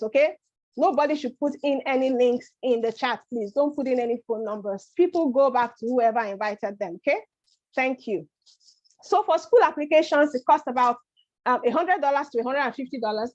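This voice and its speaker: A woman's voice: high-pitched, no room sound. A middle-aged woman from Nigeria giving an informal webinar presentation, chatty and often checking in with "okay?". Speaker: immigration advisor presenting a webinar. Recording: dry, dull lo-fi audio.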